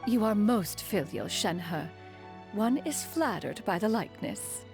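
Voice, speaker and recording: A woman's voice: medium pitch, lively intonation, measured pace, vocal fry, darkish tone, soft background music. A woman voicing a proud, imperious immortal master in a video game, speaking with haughty, formal, archaic phrasing. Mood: pleased, regal.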